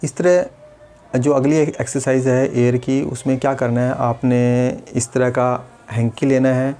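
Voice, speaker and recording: A man, a speech therapist calmly explaining exercises step by step. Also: mid-range voice, moderate pace. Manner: patient, step-by-step, demonstrates sounds. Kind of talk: instructional demonstration.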